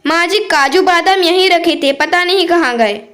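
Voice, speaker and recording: A woman voicing a gentle, forgiving young daughter-in-law in a storybook tale. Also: very high-pitched, normal speed, voice pushed up. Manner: soft, forgiving.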